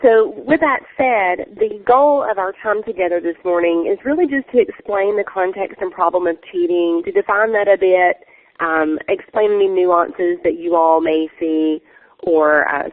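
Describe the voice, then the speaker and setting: A woman's voice: on the low side, moderate pace. Southern woman, nasal from a sore throat, earnest webinar presenter, thin phone-line sound. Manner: earnest, many fillers.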